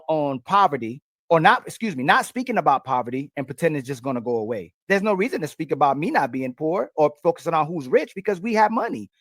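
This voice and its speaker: A man's voice: on the high side, no echo, studio quality. A man hosting a panel discussion, talking emphatically in repeated lists.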